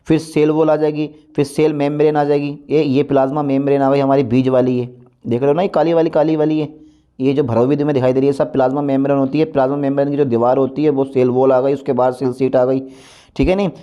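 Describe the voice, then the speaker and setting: A man's voice: medium pitch, dark tone, clean tone. A male teacher giving a repetitive, coaxing lecture straight to his students. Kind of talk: classroom-style lecture. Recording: dull lo-fi recording.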